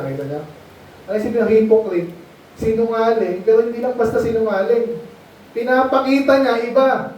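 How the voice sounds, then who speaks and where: In a mission meeting space, a man with a high, slightly mellow voice preaches a Tagalog Bible lesson to children in a conversational style, frequently stopping to question them. The audio carries a little hiss or hum and sounds muffled, with room echo and a far-off microphone.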